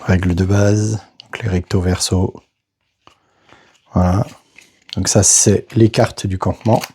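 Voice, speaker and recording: A man casually narrating a board game unboxing, hesitant and halting, filling pauses with little interjections as he handles each piece. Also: low voice, level tone, warm tone, husky. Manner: slow, hesitant, narrates each step with "voilà" and "hop".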